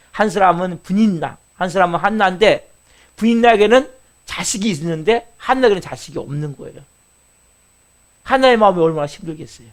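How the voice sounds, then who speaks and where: A male pastor preaching a sermon, often asking questions of the congregation and acting out a jealous wife's heated words. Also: high-pitched. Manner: acts out a jealous wife in heated quotes.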